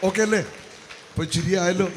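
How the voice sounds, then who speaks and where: A man's voice: high voice, fairly even intonation, a little fast, a crowd in the background. A man leading a charismatic healing service from the altar, giving commands and repeating prayer lines in a chant. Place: church retreat hall at the altar. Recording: echoey hall with faint noise.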